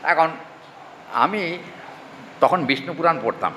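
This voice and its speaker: A man giving a devotional scripture talk, chanting Sanskrit verses slowly and often asking his listeners questions. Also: on the high side, animated, pushed and bright. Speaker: religious reader and preacher. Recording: hall reverb, faint ambient noise.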